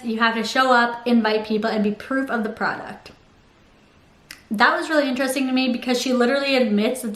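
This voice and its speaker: A woman giving casual, critical commentary, informally arguing her case point by point as a video host. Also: fairly high pitch. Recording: roomy, echoey sound.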